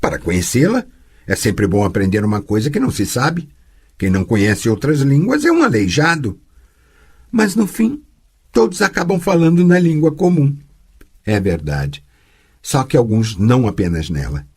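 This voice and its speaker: A man voicing a patient, teasing sorceress who tutors a girl, speaking calmly and gently chiding in an audiobook. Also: medium pitch, normal speed, breathy edge. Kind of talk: audiobook character voice.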